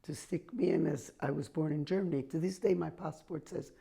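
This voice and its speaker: A woman's voice: deep voice, fairly quick, creaky, dark tone. A woman in her seventies, born in Hungary, telling her family's refugee story in an oral history interview, often restarting her sentences. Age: 70s.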